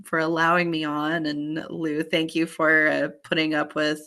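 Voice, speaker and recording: A woman in her thirties, a podcast guest, chatting upbeat and rambling, her voice going hoarse. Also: low voice, completely flat delivery, normal speed, pushed and bright. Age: 30s. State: hoarse, voice failing. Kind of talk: casual chat.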